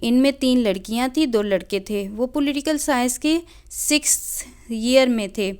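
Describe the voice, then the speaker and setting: A woman reading a first-person story aloud in a measured, conversational storytelling manner. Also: on the high side, darkish tone, smooth.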